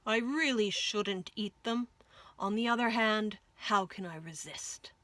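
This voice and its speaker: Woman voicing a sly, gushing storybook fox, bright-toned. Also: mid-range voice, unhurried, no room sound, natural voice. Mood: sly, scheming. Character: sly male fox dental patient, smugly cheerful. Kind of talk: children's storybook reading.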